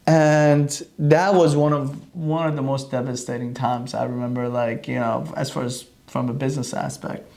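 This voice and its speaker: Animated gravelly-voiced man telling a story. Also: mid-range voice, moderate pace. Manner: animated, acts out quoted dialogue. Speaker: chiropractor and podcast host. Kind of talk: casual storytelling monologue.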